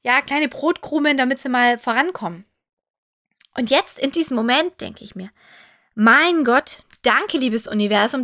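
A woman with a fairly high, somewhat bright voice hosts her own German-language podcast, a casual solo monologue. A photographer and coach, she talks casually and expressively, acting out her own thoughts in quoted asides.

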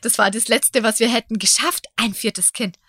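A woman in her forties, hosting a podcast and telling a personal story in a chatty way, often dropping into hushed near-whispers. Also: a little high, normal speed, breathy edge, no room sound, studio quality. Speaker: podcast host.

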